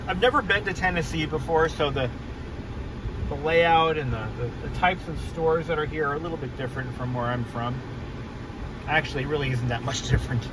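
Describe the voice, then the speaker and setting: A man's voice: on the high side, a little fast. A young man from New England chatting casually to camera while he drives, rambling and correcting himself with frequent ums. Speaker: car vlogger. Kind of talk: casual driving vlog. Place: inside a moving car. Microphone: phone camera on the dashboard. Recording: car and road noise behind.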